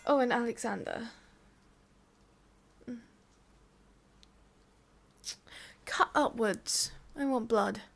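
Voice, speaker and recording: In an ASMR roleplay, an English-accented woman plays a cruel, condescending female boss, murmuring with long, drawn-out pauses. Her medium-pitched voice carries vocal fry, and the mood is cold and menacing.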